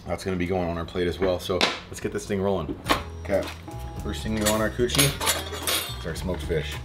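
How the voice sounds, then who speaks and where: A man's voice: sits low, fairly quick, loud music behind the voice. A young man hosting a casual cooking vlog in a houseboat kitchen, talking in a chatty, rambling way with restarts, recorded on a close camera mic. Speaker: fishing vlogger.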